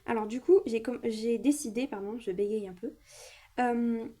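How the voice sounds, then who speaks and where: A woman's voice: on the high side, normal speed, warm tone, close to an everyday voice. A woman voicing a chatty female riding instructor in a toy play-acting story, upbeat and tripping over her words.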